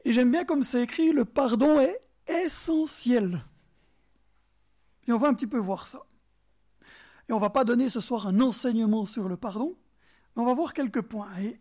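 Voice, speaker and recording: A man with a Bernese Jura French accent preaching a sermon, emphatic and animated, speaking straight to his listeners and sometimes dropping to soft asides. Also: extremely high pitch. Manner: talks directly to listeners in second person.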